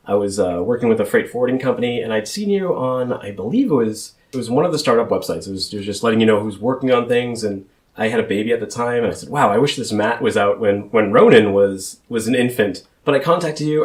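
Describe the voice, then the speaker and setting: A man in his thirties hosting a podcast interview, friendly and rambling, with frequent restarts. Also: on the low side. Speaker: podcast host. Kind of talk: casual interview.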